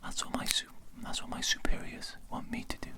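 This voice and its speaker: A performer in a whispered role-play, voicing a patient, quietly menacing interrogator at a secret facility in a soft, breathy, deliberate whisper. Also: close to an everyday voice. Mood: quietly threatening.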